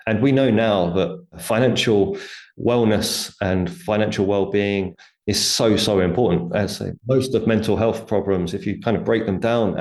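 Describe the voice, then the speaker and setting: Laying out his thinking step by step, a writer and speaker on money talks conversationally as an interview guest, sometimes voicing imagined quotes. His voice is low-pitched and a little mellow. The recording sounds roomy, with a noticeable echo around him.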